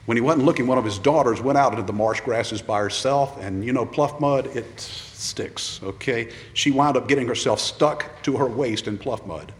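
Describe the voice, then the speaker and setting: A man's voice: mid-range voice, normal speed, hardly any pauses. Male preacher, earnest ordination sermon, mid-range voice, long church reverb. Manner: earnest, repeats refrains, acts out quoted voices.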